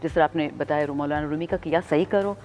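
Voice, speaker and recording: A woman from Pakistan, a politician, chatting as a guest in an interview, freely mixing Urdu and English in an animated, self-mocking way. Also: sits low, a little hiss or hum. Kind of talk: casual interview chat.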